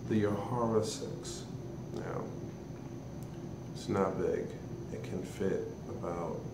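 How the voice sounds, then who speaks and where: A man playing a patient, upfront space shuttle salesman in an unhurried, conversational role-play sales pitch with thoughtful pauses. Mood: pitching, explanatory. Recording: roomy echo, loud background noise.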